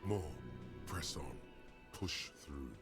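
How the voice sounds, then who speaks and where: A man voicing a brooding inner narrator in a video game, speaking in a slow, measured way over game music. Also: a bit bright, exaggerated voice. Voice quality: deep, gravelly, measured. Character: grave male narrator, the hero's inner voice.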